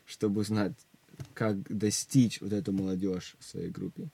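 A man's voice: low voice, steady tone, normal speed, gravelly, warm tone, breathy edge. A young man speaking as a guest youth minister in an interview, earnest, often restarting his words. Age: young adult. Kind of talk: religious interview talk.

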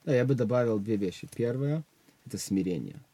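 Young male guest, very dark and husky tone, dry close sound, earnest pastoral talk. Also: mid-range voice, animated, a little fast, no room sound. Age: young adult. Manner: earnest, restarts words often. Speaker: guest youth minister. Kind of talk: religious interview talk.

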